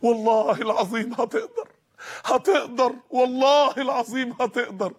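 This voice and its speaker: A preacher voicing a gentle elderly sheikh who speaks slowly and reassuringly with an Egyptian accent. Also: male voice, very high voice, animated. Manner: slow, soothing repetition.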